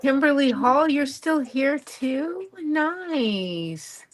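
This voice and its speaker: A woman's voice: sits high, animated, drawn-out words, a little hiss or hum. A woman hosting a casual craft livestream, chatting playfully with guests and greeting viewers by name. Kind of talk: casual chat on a live stream.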